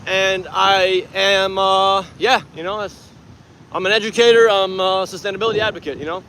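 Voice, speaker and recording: Rambling, animated man in his forties, from Iran. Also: high voice, normal speed, slight background noise. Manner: rambling, animated, laughs often. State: tired. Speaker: activist vlogger. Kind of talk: casual vlog to camera. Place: city street outdoors.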